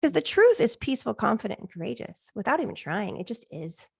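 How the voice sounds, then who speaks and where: A woman's voice: on the high side, sing-song, fast talker, vocal fry, slightly rough. A woman leading a life coaching session in an encouraging, affirming, reflective way.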